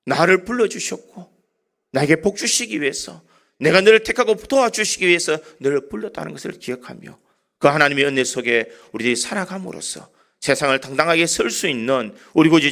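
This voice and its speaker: A man preaching a sermon as senior pastor, pushing up his voice for emphasis and letting sentence endings fall away softly. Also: mid-range voice. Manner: emphatic preaching with loud rises and soft, trailing sentence endings; tells a humorous anecdote in a storytelling tone.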